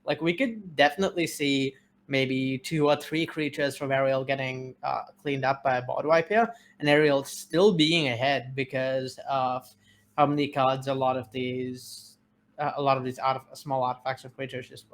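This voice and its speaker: A man casting a card game match, giving color commentary in a measured, analytical manner with frequent fillers. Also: medium pitch, steady tone, a little hiss or hum. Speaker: game caster.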